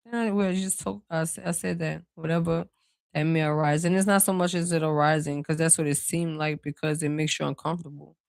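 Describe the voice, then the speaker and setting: An intuitive card reader gives a casual spiritual reading in a gravelly mid-range voice, speaking a little fast with little pitch movement and no echo. Chatty and rambling with many fillers, the reader addresses viewers directly as "y'all" and breaks off into side remarks and laughter.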